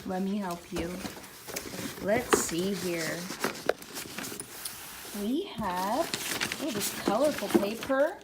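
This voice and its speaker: A woman's voice: mid-range voice, slow, pauses often. A woman talking playfully to her dog as she unboxes a pet box at home, coaxing and laughing often, over a noisy home recording. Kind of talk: casual vlog talk to her dog.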